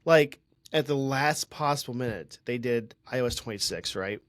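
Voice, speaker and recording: Young male podcast co-host, mid-pitched, chatty and opinionated, dry close-mic sound. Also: moderate pace, fairly bright tone, dry recording. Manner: chatty, opinionated, rambling with restarts. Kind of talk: casual tech podcast chat.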